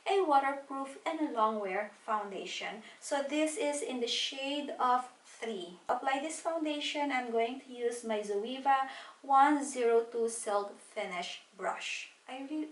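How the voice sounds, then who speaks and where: Woman, thirties, beauty vlogger; chatty and step-by-step, high voice, roomy echo. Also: distant mic. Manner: chatty, walks through each product step by step. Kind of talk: casual makeup tutorial. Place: small home room at a desk.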